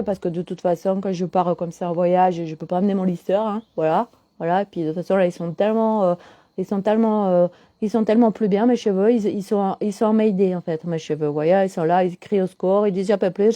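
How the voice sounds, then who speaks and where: Middle-aged woman, holistic coach, chatty live-stream host who keeps answering comments; mellow tone, dry close sound. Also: mid-range voice, no room sound. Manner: chatty, answers viewers' comments as she talks. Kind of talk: casual live stream chat.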